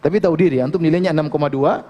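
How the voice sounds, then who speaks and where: Man, preacher, casual joking lecture, fairly high voice, quick pace, reverberant hall. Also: dark tone. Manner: casual, joking, asks the audience questions. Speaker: Islamic preacher. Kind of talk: religious lecture.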